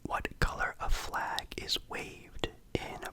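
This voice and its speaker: A man hosting in a whispered ASMR style, very close, as if right in the listener's ear. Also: slow. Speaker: ASMR video host.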